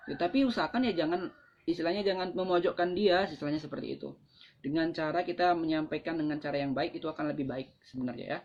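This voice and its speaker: A mentor with an Indonesian accent giving a casual live-stream talk on presentation skills, conversational with frequent fillers. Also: medium pitch. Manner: conversational, explains with acted examples, frequent fillers. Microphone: phone. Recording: slightly dull lo-fi live-stream audio.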